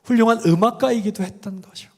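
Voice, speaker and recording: A man's voice: sits high, fast. A man speaking as a guest professor in a church, preaching in a conversational way and often putting questions to the congregation. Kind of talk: sermon with sung examples. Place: church sanctuary. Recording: long church hall reverb.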